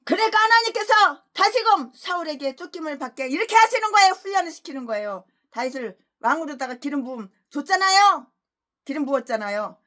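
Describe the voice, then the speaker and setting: A woman pastor delivers an expository sermon in a high, sharp voice. She lurches between loud outbursts and low, bitter mutters. Her pitch leaps wildly from line to line. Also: sing-song, fairly quick. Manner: abusive, swings between shouting and muttering. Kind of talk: expository sermon with angry tirades.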